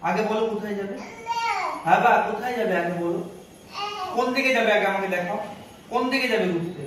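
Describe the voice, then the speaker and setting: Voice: mid-range voice, fast talker, crowd noise. Father teasing his child, echoey room. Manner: teasing, playful. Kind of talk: playful teasing.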